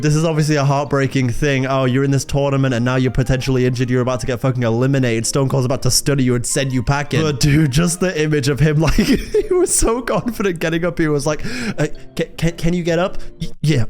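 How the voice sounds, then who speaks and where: A man's voice: mid-range voice, fast talker, few pauses, a little mellow, soft background music. Crude, mocking man reacting to clips. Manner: profane, mocking, laughs often. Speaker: reaction video host. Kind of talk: casual reaction commentary.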